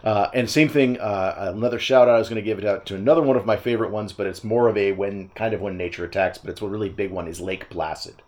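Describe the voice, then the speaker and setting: Guy with a lowish voice, just chatting on a movie podcast panel. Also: fairly even intonation, fast, few pauses, a little mellow. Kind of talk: casual discussion.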